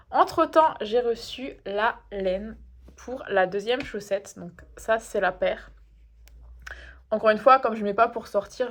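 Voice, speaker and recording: Young woman, fairly high voice, chatty, self-deprecating, casual vlog show-and-tell. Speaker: knitting vlogger.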